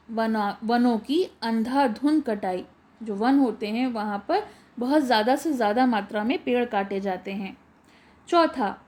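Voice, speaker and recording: A woman's voice: fairly high pitch, darkish tone. A woman teacher reading out textbook answers as numbered points, restating each in simpler words.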